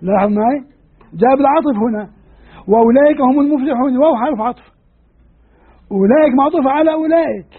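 A man's voice: very high-pitched, quick pace, long pauses, breathy edge. A male religious teacher giving a patient grammar lecture, asking his students questions as he explains. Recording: tinny lo-fi phone-like recording.

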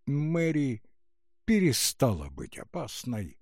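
Slow, expressive male audiobook narrator. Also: mid-range voice, gravelly, no echo, studio quality. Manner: unhurried, expressive storytelling. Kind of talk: scripted narration.

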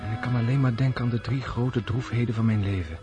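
An actor playing a melancholy prince and officer, speaking a grave, deliberate, introspective monologue in a radio drama. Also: male voice, mid-range voice, fairly even intonation, lo-fi sound, lightly acted. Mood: brooding, sorrowful. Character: melancholy Russian prince and officer brooding before battle. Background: orchestral string music.

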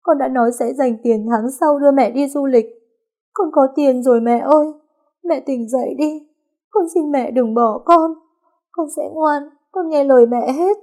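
A woman's voice: high-pitched, normal speed, darkish tone, voice pushed up, lightly acted. A woman reading an audio story, voicing a young woman crying and pleading over her dead mother. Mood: sobbing. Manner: wailing, pleading through sobs.

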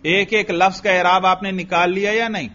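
A man's voice: high voice, fairly even intonation, sharp tone, a little hiss or hum. Man teaching in a dull lo-fi recording. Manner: drills students with repeated questions and answers; chants phrases slowly in a sing-song. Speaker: religious teacher. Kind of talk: classroom lecture on grammar.

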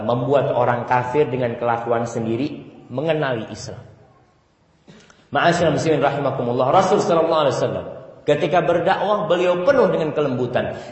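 Echoey, animated male preacher chanting verses. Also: medium pitch. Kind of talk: Friday sermon. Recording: echoey hall, voice a bit far.

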